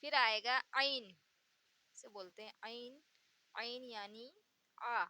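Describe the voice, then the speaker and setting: A woman's voice: a little high, steady tone, slow pace, bright, forceful tone. A woman teaching the Urdu alphabet, patiently repeating each letter's sound and giving example words. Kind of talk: slow letter-by-letter pronunciation lesson.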